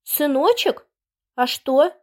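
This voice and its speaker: A loud, plain-spoken elderly village mother, as a woman reading the story puts her on. She talks in a raised, somewhat high voice and calls out across the yard. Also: expressive, slow. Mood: suspicious. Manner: loud, calling out.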